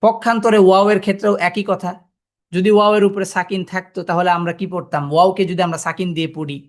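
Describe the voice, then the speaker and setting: A man's voice: high voice, flat delivery, fast. A man teaching a Quran reading class, explaining step by step and sounding out letters to demonstrate. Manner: explains step by step, asking the listeners rhetorical questions. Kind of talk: classroom lesson.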